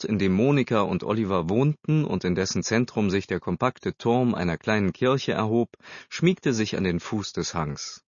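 A man reading a story aloud as narrator, steady and measured. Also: fairly low pitch, no echo. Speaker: audiobook narrator. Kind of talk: scripted narration. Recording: slightly dull dry recording.

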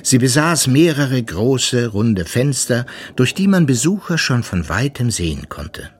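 A man narrating a children's story aloud in an expressive, unhurried way. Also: mid-range voice, husky.

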